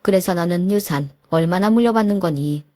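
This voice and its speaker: A woman's voice: fairly low pitch, brisk, dark tone, no room sound, clean studio sound, natural voice. A woman voicing a snobbish older mother-in-law with a prim, sneering manner. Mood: prying.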